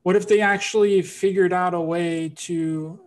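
Male podcast host, fairly high and monotone, casual and rambling. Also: normal speed. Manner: rambling storytelling, many fillers and restarts. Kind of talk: casual interview chat.

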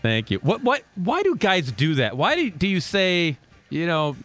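A man's voice: sits high, huge pitch swings, a little slow, fairly bright tone, no echo. A man hosting a radio show on a studio mic, bantering playfully in casual chat.

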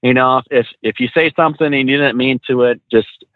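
A man's voice: mid-range voice, fairly quick, no room sound. A man talking shop about training new truck drivers. He tells his stories loosely, with plenty of fillers and slang. His voice comes through a narrow, phone-like line that sounds dry. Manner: laid-back, slangy, many fillers and restarts. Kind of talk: casual storytelling.

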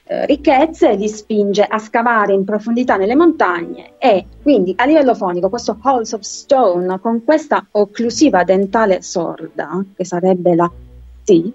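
A woman teaching an explanatory lecture, patiently breaking points down step by step and slowing down to read English verses aloud. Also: mid-range voice, darkish tone, husky, muffled recording, faint music behind. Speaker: literature and phonetics teacher.

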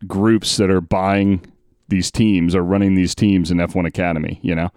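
Low-voiced chatty male podcast host. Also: steady tone, a little mellow, no room sound, clean studio sound. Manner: chatty, reads stats quickly. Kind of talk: casual sports chat.

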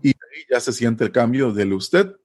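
Costa rican guy chatting in an interview, medium pitch, explains stuff and keeps tossing in tag questions. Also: animated, moderate pace, a little mellow, husky. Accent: Costa Rican Spanish. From Costa Rica.

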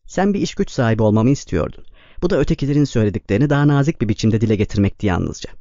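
Male narrator as a cold, impatient young man, quick and dark-toned, dry recording. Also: mid-range voice, lively intonation, no room sound, highs cut off, lightly acted. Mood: bitter.

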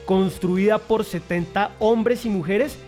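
A Colombian man from Bogotá narrates in a high-pitched voice with his local accent. The delivery is scripted but playful and colloquial, over light background music. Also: slow pace. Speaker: podcast host.

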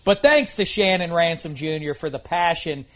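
A man's voice: a little high, moderate pace, fairly bright tone. A man hosting a comedy talk show, upbeat and teasing, with an announcer-like delivery. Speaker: radio comedy show host.

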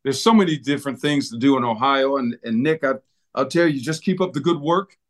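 A man's voice: mid-range voice, brisk. A man hosting an interview, asking questions and encouraging his guest in a friendly way. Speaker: host.

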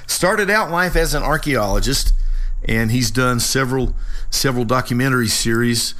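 Male talk host, halting and informal. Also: medium pitch, sharp tone. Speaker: political talk show host. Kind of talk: unscripted solo commentary.

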